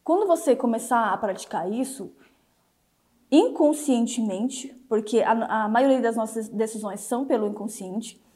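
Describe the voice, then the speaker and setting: A woman's voice: a little high, moderate pace, mellow. A middle-aged woman giving casual relationship advice, answering viewer questions and acting out example conversations, often checking in with "entendeu?". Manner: chatty, asks "entendeu?" constantly, acts out example dialogues.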